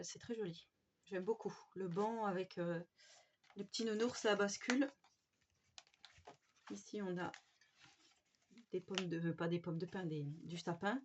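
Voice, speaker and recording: A woman's voice: medium pitch, slight background noise. Female craft vlogger, from France, chatty and gushing, slightly dull home recording with faint paper clicks. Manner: chatty and gushing, with many fillers and little exclamations. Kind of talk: casual haul show-and-tell.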